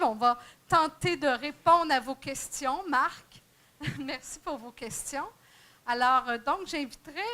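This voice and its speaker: A woman's voice: high-pitched, bright, forceful tone. A woman moderating a conference panel, introducing speakers with many fillers and restarts. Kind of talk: bilingual conference panel hosting. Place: conference room.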